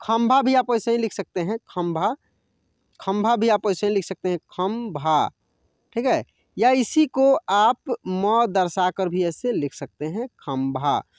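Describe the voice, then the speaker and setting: A man's voice: high voice, no room sound, studio quality. A man teaching a Hindi reading lesson over a screen recording, patiently repeating each word aloud.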